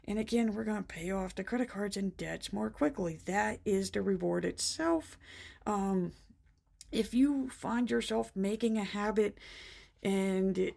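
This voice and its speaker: Breathless, chatty woman with a gravelly edge. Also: mid-range voice, a little slow, darkish tone. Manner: chatty, laughs often, short of breath. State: short of breath after illness. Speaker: planner vlogger. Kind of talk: casual talk to camera.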